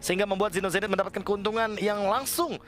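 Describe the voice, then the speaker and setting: A man's voice: high-pitched, steady tone, fast. A man with an Indonesian accent giving conversational, explanatory analysis as a caster on a live esports match. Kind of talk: live game analysis commentary. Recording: music behind the voice. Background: background music.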